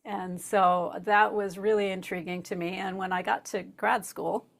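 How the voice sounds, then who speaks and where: A woman's voice: medium pitch, little pitch movement, moderate pace, vocal fry. Chatty woman telling her career story. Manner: chatty, laughs often, explains with asides. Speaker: podcast host as guest. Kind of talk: casual interview answers.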